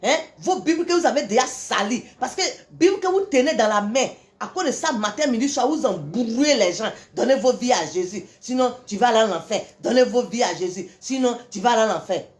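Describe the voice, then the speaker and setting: Woman, fervent self-styled preacher, scolding and repetitive, slightly high pitch. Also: lively intonation, fairly quick, few pauses. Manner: scolding, repetitive, rhetorical questions, frequent "hein". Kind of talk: impassioned religious tirade.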